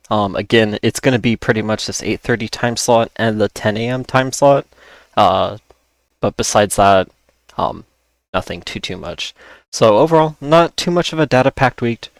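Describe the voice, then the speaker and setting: Informally rundown-style, a stock market analysis host with a low-leaning voice explains the markets and repeats key points, though he is losing his voice and coughs from time to time. There is no echo.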